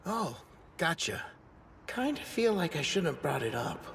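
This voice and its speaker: A jittery, easily flustered schoolboy who stammers and then bursts with excitement. His voice sits high and bright, swinging sharply up and down. It is a dubbed anime scene. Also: unhurried, gravelly, husky, exaggerated voice. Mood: nervous. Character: timid, excitable teen boy, lone sumo club member. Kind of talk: anime dub acting.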